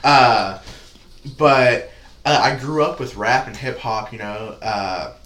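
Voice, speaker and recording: A man's voice: medium pitch, takes it slowly, a bit bright. A nineteen-year-old man talking as a podcast guest, rambling casually with lots of "uh" and "like" fillers. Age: teens. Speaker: podcast guest, spoken word poet. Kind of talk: casual interview chat. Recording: echoey room with faint noise.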